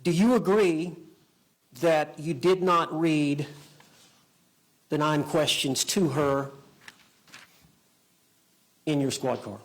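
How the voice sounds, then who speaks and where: A man working as an attorney in a courtroom, examining a witness in a halting way, often repeating and rephrasing his questions. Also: a little high, fairly even intonation.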